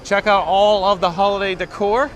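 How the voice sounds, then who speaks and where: A man's voice: high voice, level tone, moderate pace, fairly bright tone, a little hiss or hum. A man hosting a casual live vlog outdoors at a theme park, with chirpy, playful, folksy patter. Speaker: livestream vlog host. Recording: busy outdoor crowd with background music.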